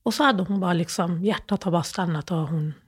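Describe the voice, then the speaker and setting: A grieving woman as an interview guest, telling a personal story in a halting, emotional way with many restarts. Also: fairly low pitch, slightly rough.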